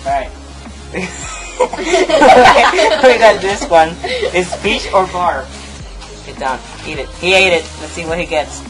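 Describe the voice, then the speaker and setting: A man's voice: sits high, animated, slow, loud music behind the voice, poor audio. A young man hosting a giggly, casual challenge of eating gross jelly beans with friends on an outdoor porch. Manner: giggly, often breaking into laughter. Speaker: host of a friends' challenge video. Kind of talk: casual, excited group banter. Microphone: camera a short distance away.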